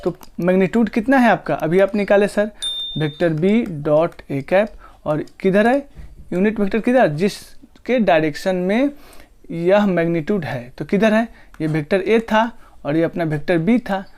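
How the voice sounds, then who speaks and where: Lecturing his class, a man who teaches physics drawls out terms for dictation and fields his own rhetorical questions as he quizzes students. His voice is high and expressive, with a darkish tone.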